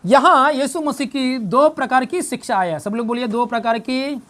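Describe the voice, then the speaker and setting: A pastor preaching a Good Friday sermon, questioning the congregation and repeating phrases for emphasis. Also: male voice, very high voice, moderate pace, bright, forceful tone. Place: church service.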